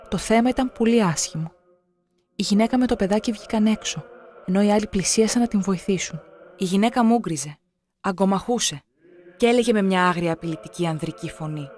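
A narrator reading scripted documentary passages in a measured, solemn way. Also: mid-range voice, darkish tone.

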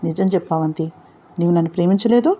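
A woman's voice: fairly low pitch, fast talker, warm tone, husky. Lady reading the part of a cheeky young guy, teasing and coaxing, in a storybook reading. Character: teasing, playful young man, smooth talker. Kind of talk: audio novel character reading.

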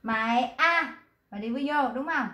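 High-voiced teacher. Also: female voice, bright, forceful tone. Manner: patient, repeats words slowly to model them. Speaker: Korean language teacher. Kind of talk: explaining pronunciation in an online class. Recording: roomy echo.

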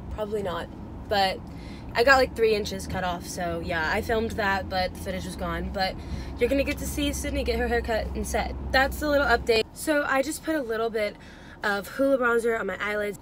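A woman's voice: mid-range voice, noisy background. A young woman vlogging in a chatty, rambling way, full of "um" and "like". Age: young adult. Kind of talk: casual vlog chat.

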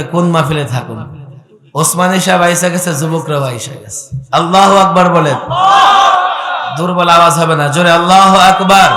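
Fiery preacher man, bright ringing voice. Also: a little high, roomy sound, in a large hall. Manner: calls out questions to the crowd and urges loud replies. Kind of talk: sermon at an outdoor religious gathering. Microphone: public address microphone.

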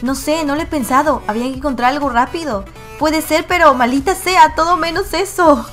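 Woman in her 20s, high voice, playful game read-through, faint music behind. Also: brisk, fairly bright tone. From Mexico. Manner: playful, voices the characters, laughs often. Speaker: gaming YouTuber. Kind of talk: reading a dating game aloud with commentary.

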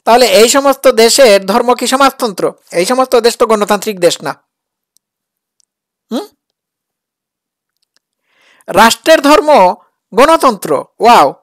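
A woman's voice: fairly high pitch, animated, measured pace, long pauses. A woman comments on a played clip. She talks in a sarcastic, needling way, pressing her target with pointed questions. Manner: mocking, sarcastic, challenging. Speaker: critic reacting to a preacher's clip. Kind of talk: reaction commentary.

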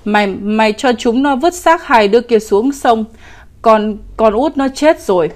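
A woman's voice: fairly high pitch, normal speed, natural voice. A woman voicing a lecherous, cruel old male village official in a spoken ghost story, bullying and commanding. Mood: barking orders. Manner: bullying and commanding, falsely sweet when coaxing.

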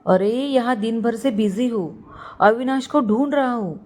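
A woman's voice: fairly high pitch, a little slow, darkish tone, natural voice. A woman voicing a loyal young male henchman who reports in a tired, frustrated way.

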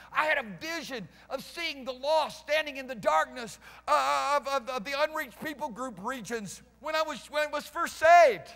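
Fervent fifties man preaching in a hall. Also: extremely high pitch. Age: 50s. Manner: fervent, emphatic preaching with rising shouts. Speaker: pastor. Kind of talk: sermon. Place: church hall stage with band gear, live congregation. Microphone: headset mic, preaching while pacing and gesturing. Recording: long reverb of a church hall.

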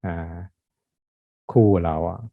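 A Buddhist monk giving a dharma talk in an unhurried, halting way with many fillers. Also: male voice. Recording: dull lo-fi sound.

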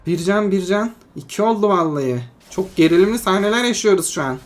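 A young adult content creator giving chatty play-by-play commentary on a mobile game, talking to viewers as friends and bursting into yelps and shouts when a fight gets tense. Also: medium pitch, lively intonation, a little fast. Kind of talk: live gameplay commentary.

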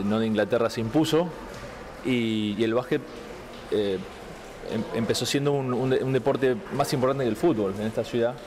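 A man in his thirties with an Argentine accent answers interview questions thoughtfully, restarting often. His voice is lowish against a noisy background. He sits on a couch in an indoor room while the interviewer holds out a handheld mic.

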